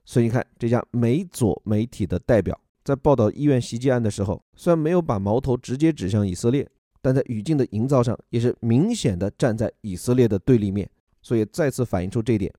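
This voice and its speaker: A man teaching how to read English news, patiently explaining each word and reading quotes slowly. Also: mid-range voice, animated, warm tone, no echo, studio quality.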